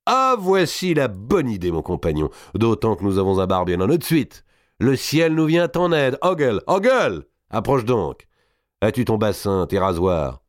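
A man's voice: fairly low pitch, very animated, measured pace, no echo, studio quality, pitched above the performer's own voice. A man voicing a cruel medieval knight who taunts in a mocking, gleeful tone.

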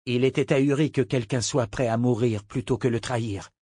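A man giving steady, scripted narration of a fantasy audiobook. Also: mid-range voice, a little fast, dry recording, studio quality.

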